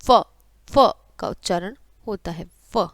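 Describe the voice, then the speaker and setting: A woman's voice: mid-range voice, slow pace, no echo, clean studio sound. A young adult woman, teaching a grammar lesson to schoolchildren, calling them beta and reciting the letters aloud in drills. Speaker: Hindi teacher.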